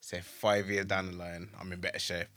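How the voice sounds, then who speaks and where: A man's voice: low-pitched, level tone, normal speed, sharp tone. A man with an urban London accent in casual conversation, feeling his way through explanations in street slang. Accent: London, urban street English. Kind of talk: casual chat.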